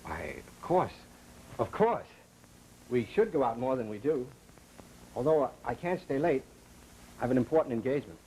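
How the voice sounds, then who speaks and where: An actor playing a weak, defensive young husband in a vintage film drama. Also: male voice, medium pitch, sing-song, moderate pace, long pauses, warm tone, close to an everyday voice. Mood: placating. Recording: noisy old film soundtrack.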